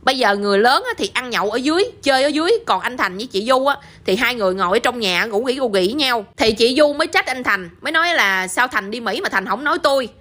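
A woman's voice: fairly high pitch, expressive, quick pace, hardly any pauses, fairly bright tone. A woman with a Southern Vietnamese accent telling a story casually, often turning to her listeners with tag questions.

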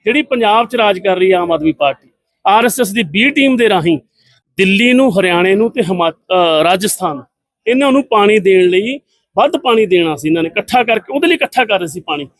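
Combative politician, high and dry. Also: male voice, lively intonation, fairly quick, dry recording. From Punjab, India. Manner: combative, scornful, rhetorical questions. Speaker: politician giving a press statement. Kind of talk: impassioned political statement to press.

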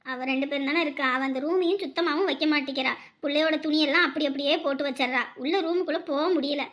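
Acting as a scheming, complaining middle-aged mother-in-law in a family drama, a woman with a Tamil Nadu accent whines and moans her way through her lines. She speaks quickly in a high, fairly bright voice.

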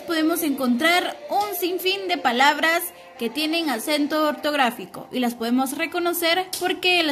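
A young woman teacher gives a recorded lesson to young children. Her voice is high and bright, and she speaks slowly and clearly, pausing to ask the class questions. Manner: patient, slow and clear, asking the class questions. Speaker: primary school teacher.

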